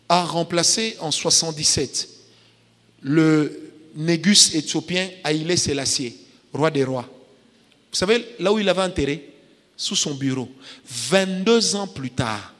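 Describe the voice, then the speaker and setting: Animated high-voiced male preacher, echoey hall. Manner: animated, turns loud and laughing, sings snatches. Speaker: prophet preaching to young adults. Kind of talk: lively sermon with anecdotes.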